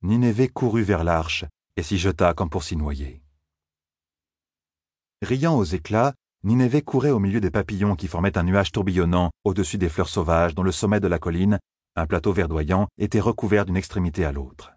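A man narrating a fantasy audiobook in a steady, descriptive reading. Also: sits low, moderate pace, husky, no echo, clean studio sound.

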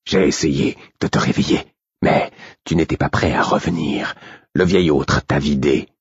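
A man reading a wolf's lines in an audiobook, slow and plain. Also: very deep voice, steady tone, vocal fry, slightly rough, no room sound, dull audio, heavily acted. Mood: blunt. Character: wolf companion, blunt and loyal, speaking in the mind. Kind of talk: audiobook character voice.

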